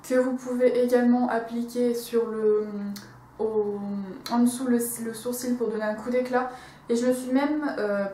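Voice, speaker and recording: A woman's voice: on the high side, dark tone, echoey room, slight background noise. Enthusiastic French beauty vlogger woman. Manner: enthusiastic, many fillers and restarts. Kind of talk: casual product review.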